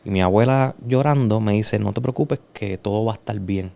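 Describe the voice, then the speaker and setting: A Puerto Rican man giving an earnest, emotional personal testimony as a guest in a conversation, dropping soft and slow at heavy moments. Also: fairly low pitch, creaky. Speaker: podcast guest.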